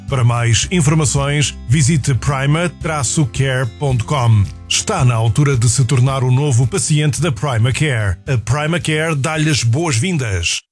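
A man reads a polished radio advertisement in a smooth, even voice. Soft music plays quietly underneath him. His pitch sits in the middle range. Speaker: ad voice-over. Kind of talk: scripted ad read. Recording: faint music bed behind.

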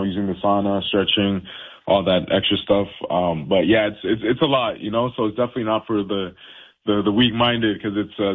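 A young man, a professional boxer, chatting casually and laid-back with lots of fillers and laughs. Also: lowish voice. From Canada. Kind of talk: casual phone interview. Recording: tinny phone line.

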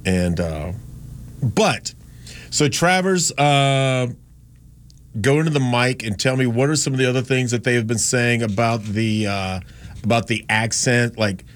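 A North Carolina man hosting a radio show talks in a casual, rambling, chatty way, often restarting and correcting himself. His mid-range voice moves a little slowly and carries no strong accent.

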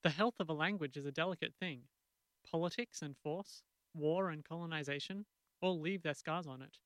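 In a dry recording, a man presents a radio segment, shifting between scripted narration and interview questions. His delivery is crisp and measured, his pitch fairly high and his tone fairly bright.

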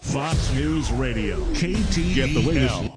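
A man giving a station identification in a low, slow, clipped delivery, heard as distant AM radio sound. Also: lively intonation, music in the background. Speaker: station announcer.

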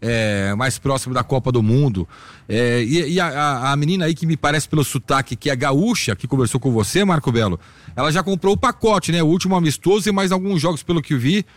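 A man's voice: a little high, fairly quick, no echo. A man with a Brazilian Portuguese accent, a studio presenter who talks to a reporter in a conversational way and leans on tag questions. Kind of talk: live radio link.

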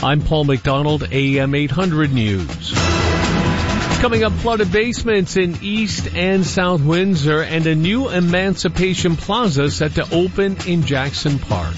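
Brief: male radio newsreader, crisp scripted delivery, slightly high, dry and a little dull. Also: animated, music in the background. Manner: crisp, measured newscast delivery. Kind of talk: scripted news reading.

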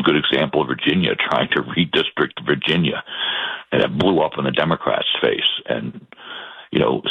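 A man from Massachusetts with a Boston accent, a guest in a political interview, talking haltingly with many fillers and restarts. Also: extremely low pitch, vocal fry, breathy edge, no room sound, phone-quality sound.

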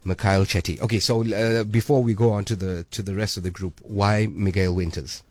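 Upbeat radio host. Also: male voice, lowish voice, fairly even intonation, a little mellow, no room sound. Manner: upbeat, hyping, quick asides. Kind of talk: lively radio presenting. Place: radio studio. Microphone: studio microphone.

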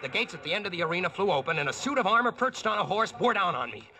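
A man's voice: high-pitched, expressive, rapid-fire, heavy background noise. An actor playing a brash, wisecracking American who narrates his own adventure in a slangy, cocky way, in 1940s radio drama style.

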